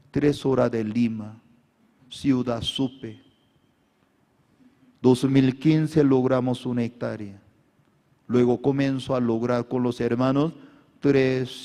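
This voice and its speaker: Speaking in a medium-pitched, dark voice, a male pastor gives a sermon in simplified Spanish as a non-native speaker. Call-and-response drives it, with the congregation told to repeat after him and raise their hands, in a hall full of echo.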